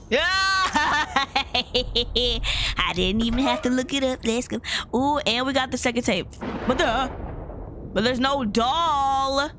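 A woman's voice: fairly high pitch, noisy background. A young woman giving casual, slangy commentary as a scared, jittery horror game streamer. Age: young adult. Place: small indoor gaming room.

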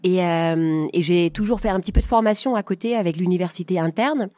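A woman's voice: fairly low pitch, fairly quick, warm tone, dry recording. A woman in her fifties, a native German speaker with a German accent, telling her story casually and with informal humour as an interview guest. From southwest Germany. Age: 50s. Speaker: podcast guest, coach.

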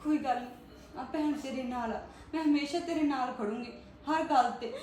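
Fast-talking woman, echoey and distant. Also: sits high, darkish tone. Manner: comforting, insistent, fast-talking. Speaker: actor in a family web drama. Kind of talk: scripted family drama dialogue. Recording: echoey room, far from mic, faint noise.

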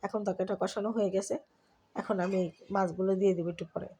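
A middle-aged Bangladeshi woman talks chattily to her viewers as she works in her home kitchen. She has a cold, so her voice stays soft and easy. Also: medium pitch, little pitch movement, fast, slightly rough. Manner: chatty, talks to viewers while doing chores. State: has a cold, speaks softly. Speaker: vlogger. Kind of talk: casual cooking and home vlog narration.

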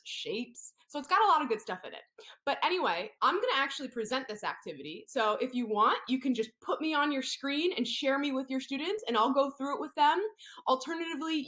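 Recorded indoors on a laptop webcam, a woman in her thirties who works as an occupational therapist reads a picture story aloud for young kids. Her voice is fairly high and very animated, with a sing-song lilt, as she urges them to mimic her hand movements.

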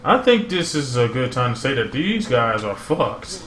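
A man's voice: medium pitch, sing-song, normal speed, a bit bright, far from the mic. Male game streamer, casual and profane, echoey mic, noisy game audio underneath. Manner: profane, slangy. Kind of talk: casual live game commentary. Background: game gunfire and hoofbeats.

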